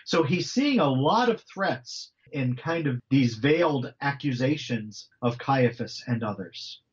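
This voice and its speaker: A man's voice: medium pitch, unhurried, lo-fi sound. A middle-aged man, an author, explaining early church history in a conversational, teacherly way with frequent asides. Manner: animated, explanatory, with frequent "you know" and repeats. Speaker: author and guest on a faith podcast.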